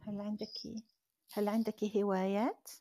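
A woman's voice: mid-range voice, flat delivery, normal speed, dark tone, dry recording, clean studio sound. A woman hosting a live Arabic lesson in an audio chat app, patiently prompting and correcting a learner. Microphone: phone in an audio chat app.

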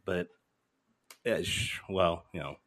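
A man's voice: low voice, takes it slowly, a bit bright. A man hosting a live podcast with casual, bantering talk. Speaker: podcast host.

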